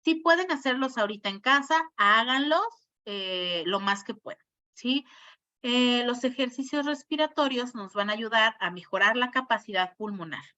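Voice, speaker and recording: A woman's voice: a little high, moderate pace, sharp tone. A woman, a speech therapist giving an informal talk, explaining step by step and checking in with her listeners. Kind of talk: informal online lecture. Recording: muffled lo-fi audio.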